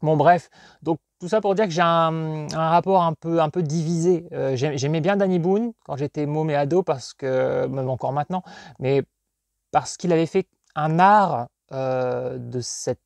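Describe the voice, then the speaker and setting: A man's voice: a little high, unhurried, gravelly, darkish tone, dry recording. A man from northern France, chatting casually about his collection in a rambling, digressive way full of hesitations. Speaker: collector vlogger. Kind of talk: casual chat.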